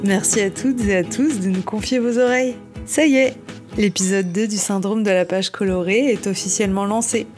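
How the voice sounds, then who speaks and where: With music in the background, a woman co-hosting a podcast presents scripted material and adds casual side comments. She speaks in a mid-range voice at a normal pace.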